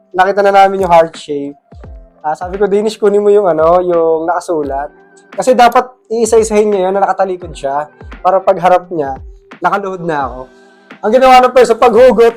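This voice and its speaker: A young Filipino man casually telling his side of the proposal story, relaxed and pausing on fillers. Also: high voice. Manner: relaxed, easygoing, with many filler pauses.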